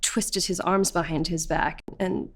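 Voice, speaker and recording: A woman's voice: fairly low pitch, measured pace, slight background noise. An actress playing a defiant young woman of twenty-one, telling her arrest story as documentary theatre testimony. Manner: animated, vivid storytelling. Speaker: actor.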